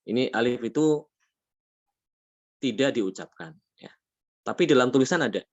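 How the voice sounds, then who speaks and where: A man's voice: medium pitch, expressive, dry recording. Patient male tajweed teacher, dry dull sound. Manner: patient, asks the class questions; draws out Arabic words slowly. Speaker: Quran recitation teacher. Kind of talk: tajweed lesson.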